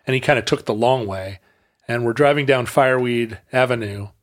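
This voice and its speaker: A man's voice: medium pitch, moderate pace. An American man from Alaska co-hosting a podcast, wry and full of quips. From Alaska, United States. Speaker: podcast co-host. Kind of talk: casual chat.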